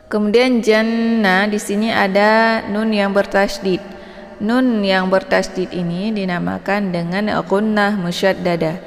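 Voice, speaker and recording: Brief: woman, patient recitation teacher, mid pitch, long reverb on the voice. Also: level tone. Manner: patient, explains each letter then models it slowly. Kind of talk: slow step-by-step tajwid lesson.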